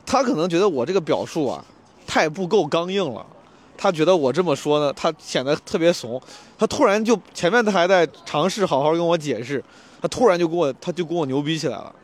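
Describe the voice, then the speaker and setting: A young man talks to camera in a casual vlog, racing through a story at high speed. His voice sits a little high, and he is animated and slangy, tripping over words and restarting sentences as he goes. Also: brisk. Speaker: stand-up comedian vlogger.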